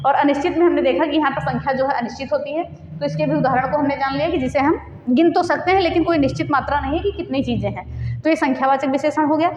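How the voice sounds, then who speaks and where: A woman's voice: sits high, fast talker, music in the background. A woman teaching a grammar lesson for exam preparation. She repeats her examples, asks questions and answers them herself, and drops English words into her talk. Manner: mixes English words into Hindi. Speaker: Hindi teacher. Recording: echoey, dull recording in a reverberant room.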